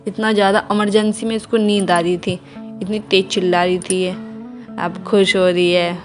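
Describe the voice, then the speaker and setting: A young woman from India, narrating her day at home casually to viewers while minding her baby. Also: mid-range voice. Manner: chatty, homely, talks to viewers and baby. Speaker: vlogger mother. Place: home indoors.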